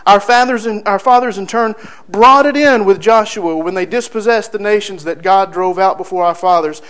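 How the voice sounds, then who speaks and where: A man preaching a sermon, reading scripture aloud and expounding it with rhetorical questions, moving between loud declaiming and hushed emphasis. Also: high-pitched, normal speed, clear, resonant tone, low-quality recording.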